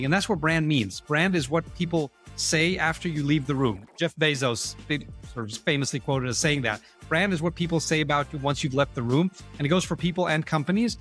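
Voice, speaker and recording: A marketing executive in his forties with an Israeli accent tells his career story as a podcast guest, candid and self-deprecating. His voice is a little high with a fairly bright tone.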